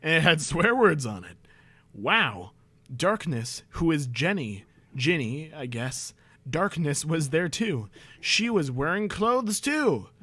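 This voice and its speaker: A man's voice: fairly high pitch, big pitch swings, slow pace, bright, forceful tone, no echo. A young man streaming a comedic reading of fan fiction, breaking off into sarcastic, exasperated, profane asides.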